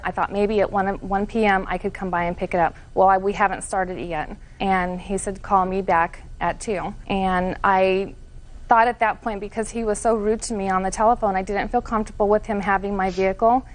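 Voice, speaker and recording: A woman's voice: mid-range voice, fairly even intonation, a little fast. A woman testifying as plaintiff in court, telling her side in an earnest, detailed, somewhat defensive way.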